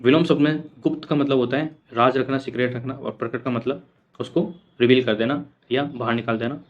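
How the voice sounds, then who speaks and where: A man's voice: mid-range voice, steady tone, fairly quick, lo-fi sound. A man teaching an exam coaching lesson, repeating each answer and asking the class questions that he answers himself. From India.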